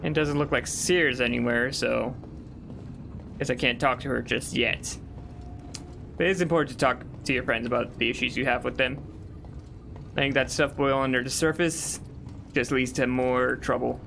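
Young male let's-play host, mid-pitched, gravelly edges, casual self-talk over game music. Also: moderate pace, pauses often, slight background noise. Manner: relaxed, talks to himself as he plays. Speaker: gaming channel host.

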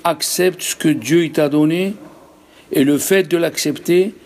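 A rabbi teaching a religious lesson to a live group, emphatic and full of rhetorical questions. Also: male voice, fairly high pitch, a little slow, darkish tone.

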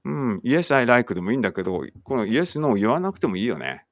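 A man's voice: medium pitch, very animated, fast, no echo. A man teaching an online English writing lesson, thinking aloud as he types and chatting encouragingly to students.

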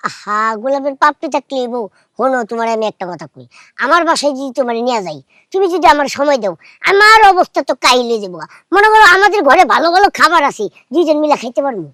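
A woman's voice: high voice, very animated, sharp tone, dry recording, clean studio sound, full character voice. A woman acting a brash young man who wheedles and presses impatiently, in a comedy play. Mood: pushy. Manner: wheedling, impatient, drawn-out "aha".

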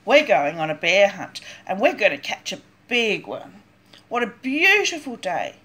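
An older woman reading a picture book aloud for young children in a grandmotherly, deliberate sing-song way with dramatic emphasis. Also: medium pitch, sing-song, bright, forceful tone. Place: small cluttered room at home, indoors.

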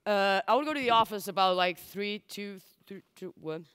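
Mid-range, a bit bright, clear and resonant, her voice keeps a moderate pace as she chats candidly through a conference talk full of likes and asides. She's in her twenties, a native Portuguese speaker, on a large dark stage before an audience, wearing a headset mic, with long hall reverb.

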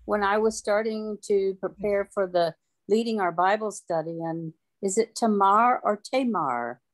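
Virginian woman, Bible study leader; hesitant, halting questioner. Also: mid-range voice, steady tone, darkish tone. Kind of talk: webinar question. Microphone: video call.

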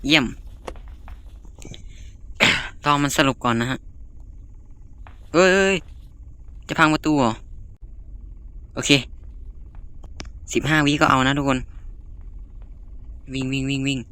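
Excitable young Thai gamer man. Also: mid-range voice, normal speed, long pauses. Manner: excitable, talks to viewers as he plays. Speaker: gaming YouTuber. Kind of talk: live gameplay commentary.

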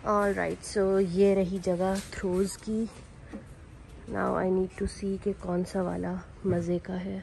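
A young woman talks through her shopping in a relaxed, chatty vlog, switching between Hindi and English. Her voice is mellow and warm. It is caught on a phone held at arm's length inside a big store, with faint noise behind her. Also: medium pitch, slow pace, creaky, rough recording. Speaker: vlogger. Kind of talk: casual vlog chat. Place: large indoor store.

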